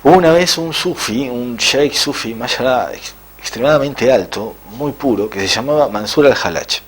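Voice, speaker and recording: Husky-voiced man telling a spiritual tale. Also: mid-range voice. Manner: halting, with frequent "eh" fillers. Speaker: interviewed author. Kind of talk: spiritual storytelling in an interview.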